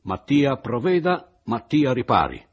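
A man's voice: mid-range voice, very animated, unhurried, husky, lo-fi sound, voice pushed up. A man doing a furious domineering old man. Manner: shouting, commanding. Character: furious older man, red-faced and domineering.

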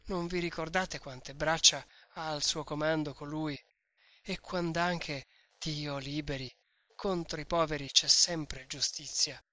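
A man reading a novel aloud, voicing an anxious older mother who gives hushed, urgent warnings. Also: a little high, steady tone, slow, no room sound. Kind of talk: read-aloud novel dialogue.

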